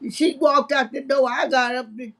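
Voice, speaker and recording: Older woman, husky and raspy, unhurried storyteller. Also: high voice, steady tone, fairly bright tone. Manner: unhurried storytelling, matter-of-fact about spirits. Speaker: grandmother on a live stream. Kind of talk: casual chat.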